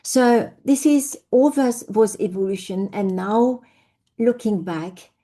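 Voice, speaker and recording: Slow and mellow, her voice sits a little high. She's a middle-aged woman from France with a French accent, invited to speak at an online session, where she tells her own story reflectively with many fillers and restarts.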